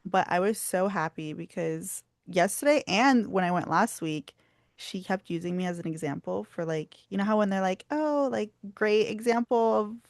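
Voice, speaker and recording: A young woman co-hosting a casual podcast, telling animated stories, swearing freely and laughing often. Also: on the low side, moderate pace, no room sound, studio quality. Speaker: podcast co-host. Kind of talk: casual chat.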